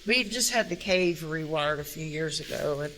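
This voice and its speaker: A woman's voice: low-pitched, animated, normal speed, a bit bright. Woman cave guide, noisy location sound. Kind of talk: casual guided-tour chat. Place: inside a cave.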